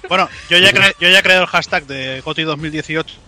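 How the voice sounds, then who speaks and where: A man's voice: on the high side, fast, bright, forceful tone. A man with an accent from Spain chatting casually as a podcast panelist. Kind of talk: casual chat.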